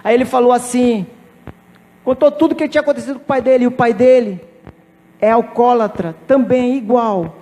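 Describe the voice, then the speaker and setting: A pastor preaching a sermon, telling a personal testimony with emphatic repetition. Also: male voice, extremely high pitch, normal speed, mellow, big-room sound. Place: church.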